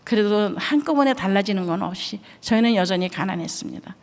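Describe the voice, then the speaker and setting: A woman's voice: medium pitch, expressive, brisk, a little mellow. A middle-aged woman from Korea, a missionary giving an earnest, emotional church testimony. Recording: echoey church hall.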